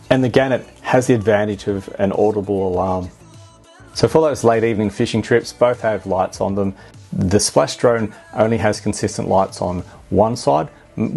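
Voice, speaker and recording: Low gravelly Australian man reviewing. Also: darkish tone. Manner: plain, matter-of-fact explaining. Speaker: drone reviewer. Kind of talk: product review voice-over.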